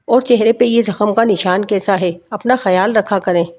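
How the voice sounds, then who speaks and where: Woman reading as a broken young woman in a storybook, pleading and childlike, medium pitch. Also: a little mellow, lightly acted.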